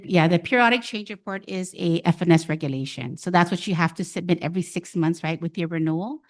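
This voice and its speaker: A woman on a public panel walks the audience through program rules step by step, taking care to be clear. Her voice sits a little low. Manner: explanatory, careful, repeats "again".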